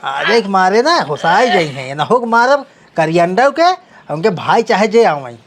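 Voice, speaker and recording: A woman's voice: on the low side, very animated, measured pace, crowd noise. A woman playing a belligerent, boastful drunk village husband with an Awadhi accent in an amateur comedy sketch, drawling out threats. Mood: swaggering.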